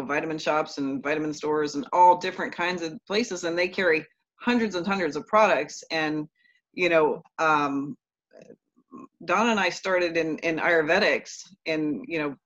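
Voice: medium pitch, a bit bright. A podcast host in casual interview chat, talking loosely in rambling sentences and joking along.

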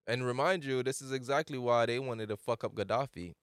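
A man's voice: mid-range voice, a little fast, clean tone, no echo, clean studio sound. A man in his late twenties, hosting a loose, rambling casual chat with plenty of slang. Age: late 20s.

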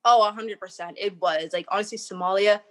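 A young woman talks as an interview guest in an easy, chatty way. She tells her stories with animation and acts out the quotes in them. Her voice sits in a middle pitch. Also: fairly quick. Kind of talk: casual interview chat.

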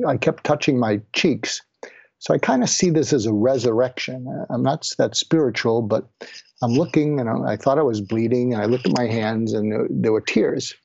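A man's voice: mid-range voice, gravelly, darkish tone, dry recording, muffled recording. Older man, reflective. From Boston area, USA. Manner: earnest, reflective storyteller. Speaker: guest, physician. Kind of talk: personal storytelling in an interview.

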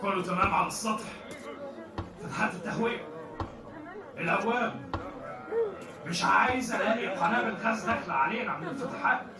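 An actor playing a cruel mercenary major who gives orders in a calm, menacing way. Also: male voice, sits high, fairly quick, pauses often, crowd noise. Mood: commanding. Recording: roomy echo with music underneath.

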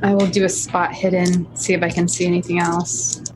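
A woman's voice: on the low side, little pitch movement, moderate pace, noisy background. A woman taking part in a tabletop game with playful, curious remarks. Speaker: player.

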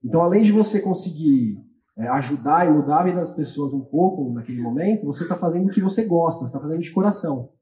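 Reflective man guest with a fairly high, mellow voice, set back from the mic in a roomy space. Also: expressive, fast talker. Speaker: guest, business partner. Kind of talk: podcast interview. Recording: distant from mic in echoey room.

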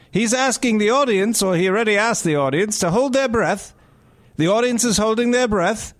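A man voicing an excitable old-time male newsreel announcer as a comic bit on a talk show, with breathless play-by-play and wry asides. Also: high voice, pitched above the performer's own voice. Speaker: radio talk show co-host. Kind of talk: comic mock newsreel narration.

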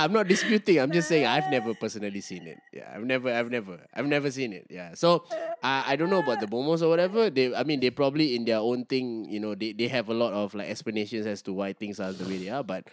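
Animated Singaporean man bantering on a podcast. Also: mid-range voice, fast talker, few pauses, background noise. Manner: colloquial, sweary, repeats phrases with Singlish particles. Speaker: podcast host.

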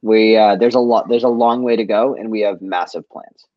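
As a guest in a relaxed interview, a chef and business owner from East Boston, USA, spins stories in loose, slangy talk sprinkled with "like." He has a fairly low voice, a steady tone, and a moderate pace. The audio is dry and lo-fi.

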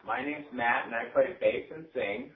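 A man heard over the phone, a band's bassist and singer, chatting casually in a rambling, hesitant way. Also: normal speed. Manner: rambling, hesitant, many fillers. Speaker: band bassist and singer, interview guest. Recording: tinny echoey phone line.

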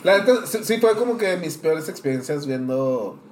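Animated Mexican man telling stories. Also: fairly high pitch, normal speed, slight background noise. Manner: animated storyteller, slangy. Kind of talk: casual chat. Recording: roomy echo.

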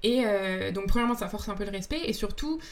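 A woman's voice: mid-range voice, fast. Young woman guest, enthusiastic and reflective, picks her words as she goes, mid-range voice. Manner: thoughtful, searching for words, enthusiastic. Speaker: podcast guest, comics author and film student. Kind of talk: casual interview talk.

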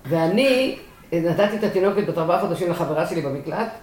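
An older woman recounting a personal war memory in an interview, emotional and vivid, acting out what she shouted. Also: fairly low pitch, expressive, reverberant. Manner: emotional storytelling, acts out quoted shouts.

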